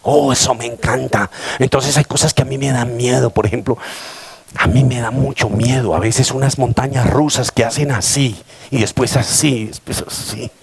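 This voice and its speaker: Gravelly Colombian pastor preaching dramatically. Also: male voice, steady tone, normal speed. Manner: dramatic preaching with big swings in pitch, calls to the congregation. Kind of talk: sermon. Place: church service before a congregation.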